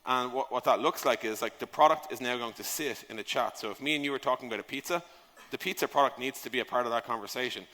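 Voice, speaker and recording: On stage in a large conference hall, a man with a mid-range, sharp-toned voice talks fast about software product design. His informal delivery is emphatic and conversational, with rhetorical questions and casual swearing, and the hall is echoey with long reverb.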